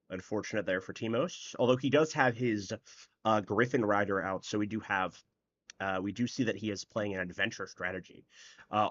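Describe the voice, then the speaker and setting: Low-voiced man casually commentating a card game. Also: dry recording, muffled recording. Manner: rambling, filler-heavy, explains plays as he goes. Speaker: tournament host and commentator. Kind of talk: casual live-stream commentary.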